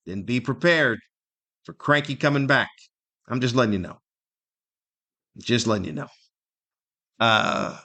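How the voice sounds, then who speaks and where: A medium-pitched voice, pushed and bright, belongs to a middle-aged American man hosting a solo podcast. The comedian chats in a rambling, casual manner, at times acting out things people might say.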